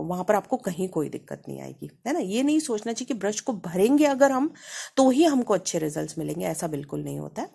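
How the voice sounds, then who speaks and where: Woman, Indian accent, painting teacher, chatty tutorial, lively pitch, a bit husky. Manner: chatty, repeats "है ना" to check in. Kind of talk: casual tutorial explanation.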